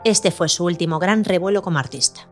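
A woman hosting a podcast, reading a scripted documentary narration in a measured storytelling way. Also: on the low side. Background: faint music.

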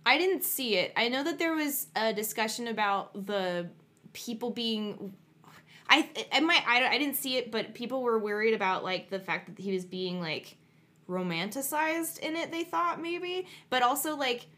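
A woman's voice: a little high, normal speed, sharp tone. A woman co-hosting a podcast in casual, playful, rambling chat. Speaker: podcast co-host.

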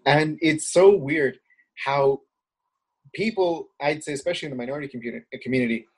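Husky New man, chatty guest. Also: a little high, fairly quick. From Queens, New York. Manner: casual, many fillers, rising indignation. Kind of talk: political talk show chat.

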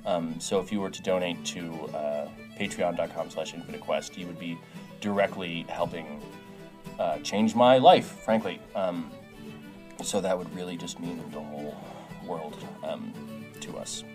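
Earnest, rambling man, low voice. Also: unhurried, music in the background. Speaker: player and podcast co-host. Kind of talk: casual tabletop podcast.

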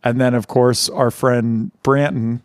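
Un hombre que copresenta un pódcast y cuenta una anécdota de forma informal, divagando entre titubeos. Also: male voice, medium pitch, little pitch movement, clean tone, no echo, studio quality. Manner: rambling storyteller, halting with fillers. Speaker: podcast co-host. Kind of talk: casual chat.

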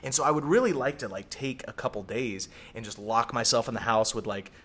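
A man's voice: medium pitch, fairly quick, a bit bright. A middle-aged man chatting casually on a podcast, telling a story in a rambling, profane way. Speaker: podcast co-host. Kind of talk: casual chat.

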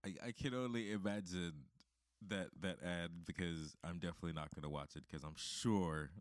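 A man's voice: sits low, steady tone, moderate pace. A man co-hosting a podcast in casual chat, laid-back and dry, with wry asides. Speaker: podcast co-host.

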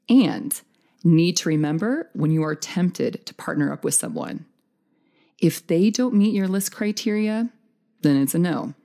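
A woman with a mellow voice and plenty of fry delivers scripted relationship advice. She sounds upbeat and encouraging, laying out her points tidily as a podcast host. Her pitch sits on the low side. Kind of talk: scripted dating advice talk.

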